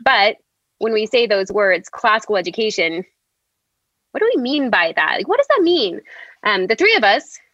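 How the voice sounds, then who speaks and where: A woman's voice: medium pitch, very animated, normal speed, a bit bright, no room sound, dull audio. A woman hosting a podcast, introducing the conversation in a casual, conversational style. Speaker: podcast host.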